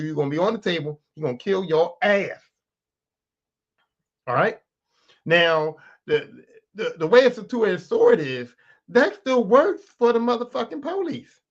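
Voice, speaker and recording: A man alone on his own podcast rants casually and animatedly, swearing freely and addressing listeners directly. His voice sits high and is raspy this morning, he keeps clearing his throat, and the recording sounds muffled.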